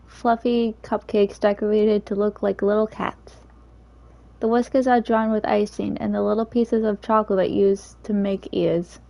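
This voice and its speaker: A woman reading a visual novel's narration aloud in a steady, even way. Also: medium pitch, vocal fry, rough recording. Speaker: game reader.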